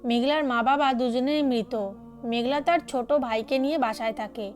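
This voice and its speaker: A woman's voice: sits high, moderate pace, faint music behind, close to an everyday voice. Woman voicing Nila, a worried young woman. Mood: anxious. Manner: anxious, pleading.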